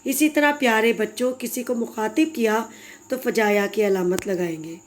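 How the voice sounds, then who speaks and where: A woman's voice: a little high, normal speed, a little hiss or hum. Patient woman teaching a grammar lesson. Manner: patient, explanatory, addresses pupils fondly. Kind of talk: recorded grammar lesson for children.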